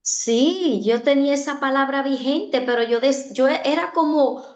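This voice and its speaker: A woman's voice: high-pitched, measured pace. A woman giving an earnest personal testimony in an interview, often repeating her phrases for emphasis. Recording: echoey, dull-sounding room.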